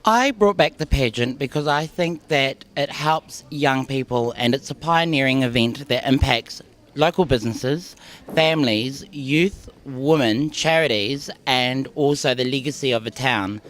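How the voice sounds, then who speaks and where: A New Zealand man speaks in a medium-pitched voice. He sounds poised and earnest, giving a formal, prepared pageant-style answer as an organiser. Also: a little slow, a bit bright. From Rotorua, New Zealand.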